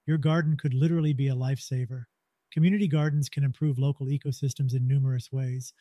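Male podcast host, warm mellow tone, dry close sound, earnest scripted read. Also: medium pitch, dry recording. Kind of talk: scripted narration.

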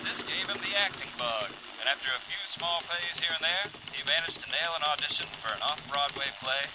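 Old AM radio announcer man, a man doing the voice, measured old-time delivery, heavy static hiss behind. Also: a little high, pitched below the performer's own voice. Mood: announcing. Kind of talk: recap narration in a put-on radio voice.

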